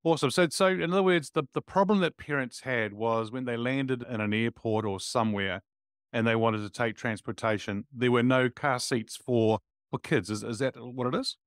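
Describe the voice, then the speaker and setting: A man's voice: medium pitch, moderate pace, no room sound. Enthusiastic male podcast host, dry close mic. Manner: enthusiastic, frequent praise words. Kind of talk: upbeat conversational interviewing.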